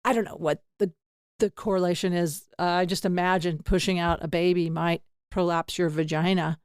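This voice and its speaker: A woman's voice: on the low side, fairly even intonation, normal speed, clean tone, no room sound, clean studio sound. A middle-aged woman hosting a podcast, talking frankly and rambling, often laughing at herself. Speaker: podcast host. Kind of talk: candid casual interview chat.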